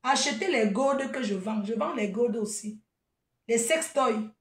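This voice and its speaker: An event planner and vendor speaks directly to her audience in an unscripted live video, scolding her critics before chatting and laughing with them and calling listeners "maman." Her voice sits on the high side and moves a little slowly. The room is echoey and she's off-mic, picked up from a distance.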